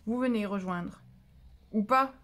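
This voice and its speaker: A woman with a mid-range, slightly bright voice explains papercraft at a measured pace, with slight background noise in the clip. Her step-by-step tutorial is casual and chatty, with stumbles and self-corrections, and she scolds and coos at her cat in between.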